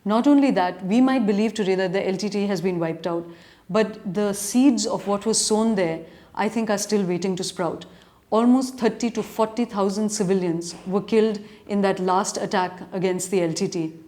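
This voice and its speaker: A mellow, mid-range female voice at normal speed belongs to a journalist and editorial commentator. Her educated urban Indian accent frames earnest, argumentative replies to readers, delivered in long, thoughtful sentences.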